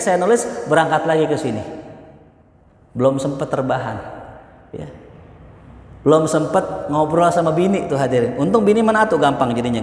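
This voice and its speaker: A male preacher gives a humorous sermon to a live audience, joking and asking rhetorical questions. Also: fairly high pitch. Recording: echoey hall, faint noise.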